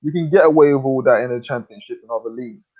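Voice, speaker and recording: A man's voice: mid-range voice, quick pace. A man debating football casually, insistent and repeating himself, on lo-fi audio. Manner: insistent, repetitive.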